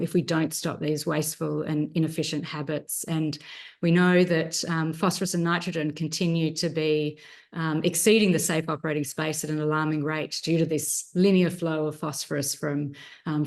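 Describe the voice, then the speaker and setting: A woman's voice: low voice, gravelly, a little mellow. A woman with an Australian accent giving a research presentation over a video call, earnest and with frequent "um" fillers. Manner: earnest, many 'um' fillers. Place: home at night.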